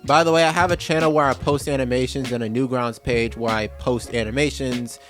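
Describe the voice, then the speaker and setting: A man's voice: mid-range voice, steady tone, a little fast, music in the background. A man doing a sarcastic, profane comedic commentary voice-over as the host of his channel.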